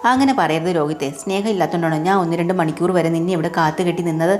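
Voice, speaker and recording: A woman's voice: fairly low pitch, very fast, darkish tone, a little hiss or hum, close to an everyday voice. A woman voicing a sensible young woman who defends herself with patient reasoning. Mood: defensive.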